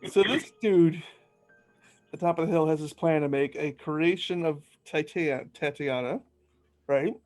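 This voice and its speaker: A man's voice: a little high, unhurried, darkish tone, faint music behind. A man playing in a tabletop game, chatting casually with wry, dry humor. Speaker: player.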